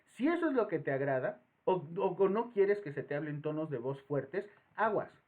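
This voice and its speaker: Animated Mexican professor, tinny line. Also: male voice, fairly high pitch, normal speed. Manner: animated, acts out voices in anecdotes. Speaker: psychology professor. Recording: tinny phone-like audio.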